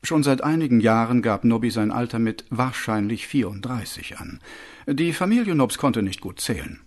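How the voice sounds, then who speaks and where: A man narrating a story in an expressive, animated audiobook reading. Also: mid-range voice, normal speed.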